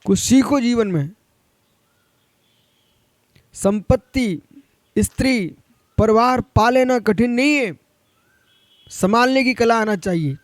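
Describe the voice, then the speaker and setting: The recording is dry and close, free of room echo, as a high-voiced Jain monk preaches slowly, pausing often. He addresses his listeners directly, scolding and exhorting them, and his pitch goes up on emphatic points.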